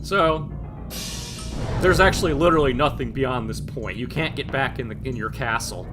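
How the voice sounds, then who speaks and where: Man commentating over loud game music. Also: medium pitch, normal speed. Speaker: gaming host. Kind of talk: casual gameplay commentary.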